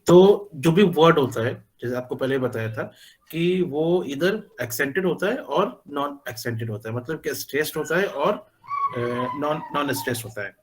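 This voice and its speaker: A male teacher explaining a lesson, talking in an unhurried way with many pauses and filler sounds, with phrases. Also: fairly high pitch, lively intonation, slight background noise. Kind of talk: spoken lecture in Hindi mixed with English.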